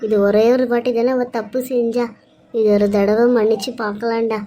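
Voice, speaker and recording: A woman's voice: a little high, flat delivery, moderate pace, warm tone, natural voice. A woman voicing a harsh, scolding middle-aged mother-in-law in a cartoon serial, with a stern, bossy manner. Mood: relieved. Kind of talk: Tamil cartoon serial voice acting.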